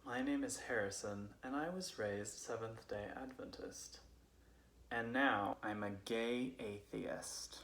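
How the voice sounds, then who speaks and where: A man's voice: medium pitch, slow pace, a bit bright. A man delivering a casual comedic monologue as a storyteller, enunciating with care. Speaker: storyteller and presenter. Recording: roomy echo, faint background noise.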